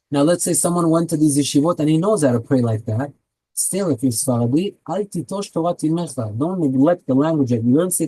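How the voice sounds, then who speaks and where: Israeli guy giving a torah class, bit high, mellow voice, chatty and joking with the guys. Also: low-quality recording. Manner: lively, conversational, joking with students. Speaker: rabbi teaching a weekly class. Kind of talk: casual Torah class with students.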